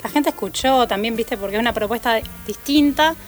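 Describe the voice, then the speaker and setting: Soft-spoken Argentine woman singer. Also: fairly high pitch, a little fast, soft background music. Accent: Argentine Spanish. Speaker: singer-songwriter guest. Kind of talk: live acoustic singing then casual interview.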